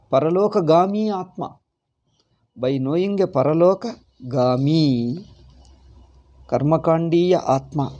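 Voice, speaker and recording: This Vedanta teacher, a South Indian-accented man, delivers a scriptural lecture full of Sanskrit quotations and commentary, driving points home through repetition and rhetorical questions. His voice is fairly high, creaky and warm, though the audio sounds dull.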